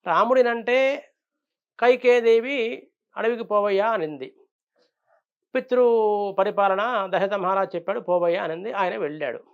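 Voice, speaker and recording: A young prince muttering complaints about his fate and then scolding himself in shame, as a male storyteller voices him. The voice sits high with a gravelly edge. The recording sounds dull and lo-fi. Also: a little slow, long pauses. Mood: grumbling regret. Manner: complaining, self-reproaching musings.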